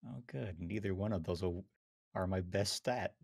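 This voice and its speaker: A man's voice: deep voice, normal speed, creaky, darkish tone, breathy edge. A man playing in a tabletop role-playing game, talking casually and poking fun at himself. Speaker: player.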